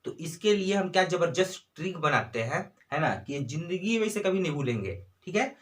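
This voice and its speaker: A man's voice: a little high, very animated, normal speed. A man with a Chhattisgarhi Hindi accent teaching an exam-prep lesson, asking himself questions and answering them, with frequent "ठीक है" and "है ना" tags. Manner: repeats "ठीक है" and "है ना", asks and answers own questions. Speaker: exam tutor.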